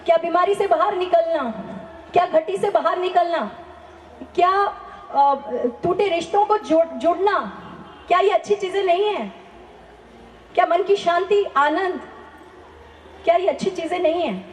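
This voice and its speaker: A woman's voice: very high-pitched, unhurried, pauses often, roomy sound, slight background noise. A woman telling a personal faith testimony in an earnest, emphatic way, often asking rhetorical questions. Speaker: testimony speaker.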